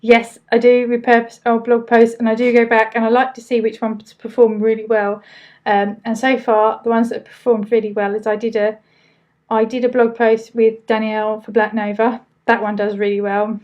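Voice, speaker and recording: A woman's voice: on the high side, level tone, moderate pace, darkish tone, dull audio. A woman with an Essex accent hosting a casual live training, chatting informally as she reads out and answers questions, with loosely pronounced words.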